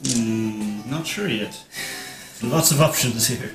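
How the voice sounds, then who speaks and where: Blunt player in a roomy space. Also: male voice, mid-range voice, slow pace, over music. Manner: blunt, laughs often. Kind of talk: casual in-character chat. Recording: roomy echo.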